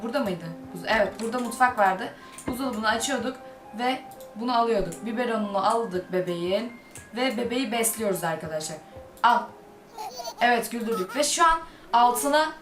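A woman giving casual let's-play commentary as a gaming YouTuber, jumpy and quick to shriek when startled. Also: medium pitch. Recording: echoey room with loud game music.

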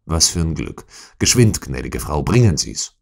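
Man reading as a brisk commanding detective. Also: extremely low pitch, sing-song, gravelly, slightly rough, heavily acted. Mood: hurried. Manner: brisk, urgent, quiet. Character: calm, commanding male detective, middle-aged. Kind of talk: audiobook character reading.

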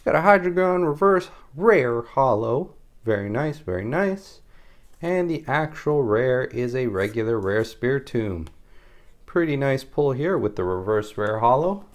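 A man with an average-pitched voice presents a casual giveaway vlog. He is upbeat and chatty, speaking straight to his audience as a host does. He tends to repeat short phrases as he goes. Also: big pitch swings, a little slow. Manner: chatty, addresses viewers as "guys", repeats phrases. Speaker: YouTube host of a trading card channel.

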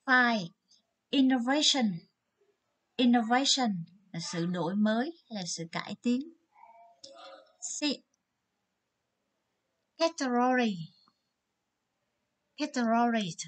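A woman's voice: on the high side, fairly bright tone. A woman teacher with a Vietnamese accent giving a vocabulary lesson, reading English words and explaining them in Vietnamese. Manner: slow and careful, switching between English words and Vietnamese explanations. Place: Nha Trang school.

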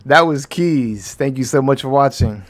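A man co-hosting a comedic gameplay commentary, loud and joking. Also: medium pitch, normal speed. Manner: loud, joking, laughing often. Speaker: gaming channel co-host.

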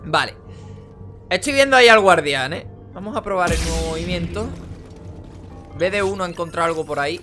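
A young adult man, giving energetic, casual let's play commentary and swearing in frustration as he plays. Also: sits high, brisk, long pauses, soft background music. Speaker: gaming channel host.

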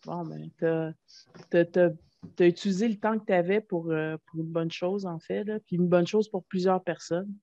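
A woman's voice: lowish voice, fairly even intonation, moderate pace, warm tone, no echo. A woman with a Québécois French accent hosting a video-call interview, talking hesitantly with fillers and restarts. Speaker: host. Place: small room at home. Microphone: desk microphone. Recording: dull lo-fi video call audio.

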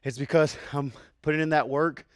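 A young male fitness coach, breathing hard, leads a kettlebell workout and calls out each rep. His voice sits a bit high and comes through smooth and clear. The sound is close and dry, with no room around it. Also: fairly even intonation, moderate pace, dry recording. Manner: counts reps aloud with panting sighs. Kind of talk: workout instruction.

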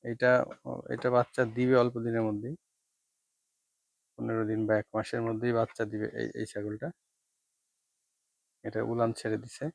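A man in the middle of his own goat shed talks in a hushed, easy way, with a gravelly edge to a voice of ordinary pitch. The sound is dry and close, as if from a handheld phone. His tone is casual and explanatory, like a farmer showing viewers around. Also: level tone, moderate pace, long pauses, dry recording. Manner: speaks softly to avoid waking the goats. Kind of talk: casual farm vlog, walking commentary.

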